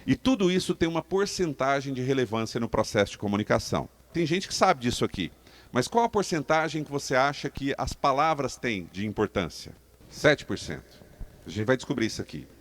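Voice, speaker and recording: Animated Brazilian man giving a talk. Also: mid-range voice, a little fast. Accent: Brazilian Portuguese. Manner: animated, emphatic, asks the audience questions. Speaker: speaker on public speaking for leaders. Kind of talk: live talk to a seated audience. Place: training room with a live audience.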